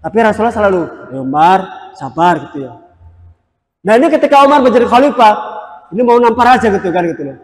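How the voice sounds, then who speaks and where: A man giving a sermon in a relaxed, colloquial storytelling manner, acting out the lines he quotes and reading Arabic passages slowly. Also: very high-pitched, long reverb tail. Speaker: preacher.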